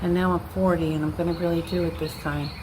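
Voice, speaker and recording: Woman, sixties, self-deprecating vlogger, lower voice, audible background noise. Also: level tone, fast. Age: 60s. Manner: candid, rambling, self-deprecating. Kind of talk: casual personal vlog.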